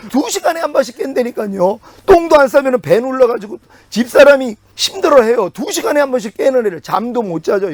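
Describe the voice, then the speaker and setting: A middle-aged male pastor preaching a sermon in an animated way, jumping up in pitch and then dropping to quiet asides. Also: dry recording.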